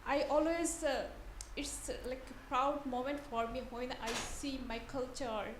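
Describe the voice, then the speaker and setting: Polite high-voiced woman in an echoey room. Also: a little slow. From Bangladesh. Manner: polite, slightly hesitant. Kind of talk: audience question at a conference. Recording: echoey room, faint ambient noise.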